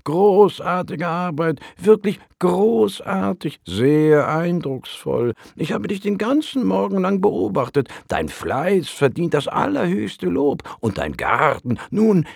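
A man's voice: sits high, very animated, slow pace, gravelly, hardly any pauses, a little mellow, husky, no room sound, clean studio sound, voice pushed up, full character voice. An older man voicing a mischievous old monk with a gap-toothed grin in a storybook reading. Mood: sly praise. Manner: sly, praising with a catch.

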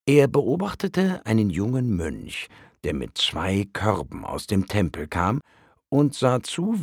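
A man calmly reading a story aloud, in a measured storytelling manner. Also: on the low side, breathy edge, no echo, clean studio sound. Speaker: narrator.

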